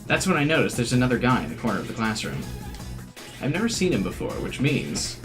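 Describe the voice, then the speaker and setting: A man's voice: medium pitch, wildly swooping pitch, quick pace. A man giving casual playthrough commentary, reading game narration aloud and reacting to it. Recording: game music behind.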